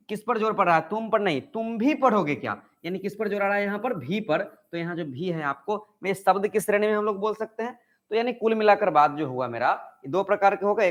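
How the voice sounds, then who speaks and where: A man teaching an online grammar lesson, asking questions and answering them himself. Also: sits high. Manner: acts out example sentences with stress.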